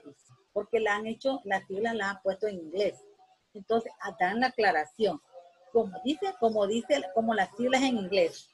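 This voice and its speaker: Woman teacher, husky voice, fairly high, rambling lesson full of restarts and "right?" tags. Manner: rambling, frequent "¿verdad?" tag and restarts. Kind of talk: spoken lesson to students.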